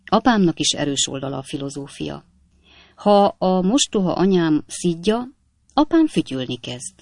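A narrator voicing a cheerful, witty young manservant in an audiobook, chatting in a folksy, gravelly tone. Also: medium pitch, big pitch swings, no echo, clean studio sound. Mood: lively, folksy.

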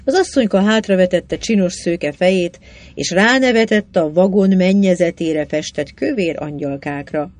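A woman narrating a novel in an even, measured storytelling manner. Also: on the low side. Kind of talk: audiobook reading of a novel.

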